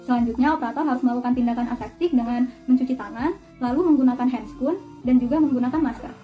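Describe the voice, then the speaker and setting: Speaking fast in a high-pitched voice, a young dental student politely demonstrates a radiography procedure one step at a time. The audio is lo-fi, with soft music playing behind her.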